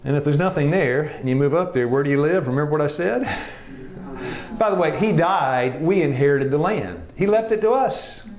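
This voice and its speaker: A man's voice: fairly high pitch, animated, moderate pace, darkish tone, reverberant. A man in his sixties, a health evangelism teacher, telling his life story to a class in a folksy, joking way and laughing often. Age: 60s. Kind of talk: personal testimony in a class. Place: classroom with a live audience.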